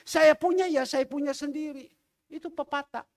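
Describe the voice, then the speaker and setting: A male pastor, preaching a sermon as an animated storyteller who acts out the voices of the people in his stories. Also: extremely high pitch, moderate pace, creaky. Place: large church hall. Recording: long reverb of a church hall.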